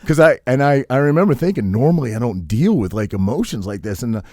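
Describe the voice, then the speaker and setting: A man's voice: mid-range voice, expressive, fast, mellow, no echo, clean studio sound. A man in his thirties co-hosting a podcast, telling stories in a casual, profane way and laughing at himself. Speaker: podcast co-host.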